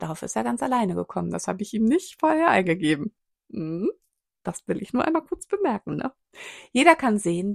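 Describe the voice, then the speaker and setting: A woman reads a text aloud point by point in short, clipped fragments. Her voice has a gravelly edge, and it sounds close and dry with no room around it. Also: medium pitch, a little mellow, dry recording. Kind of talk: reading a text aloud with brief asides.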